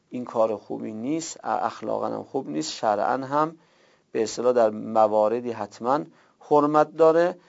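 A man with a gravelly, creaky voice lectures a class, explaining each point patiently, repeating key words and flagging what is new. The recording sounds dull and lo-fi. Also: mid-range voice, darkish tone. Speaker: teacher of Arabic morphology.

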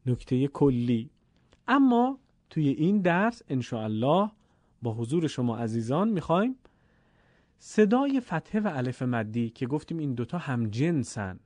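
In a classroom-style lesson, a man with a Persian accent teaches Quranic Arabic vowel lengths, patiently drawing out each sound and repeating it slowly and deliberately. His mid-range voice is a little mellow, with no echo.

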